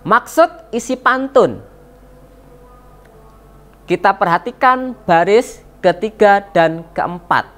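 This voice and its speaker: A woman's voice: medium pitch, expressive, slow, long pauses, fairly bright tone. A woman teacher explaining a lesson to children, patient, repeating key words and checking in with them. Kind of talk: slow classroom explanation to children.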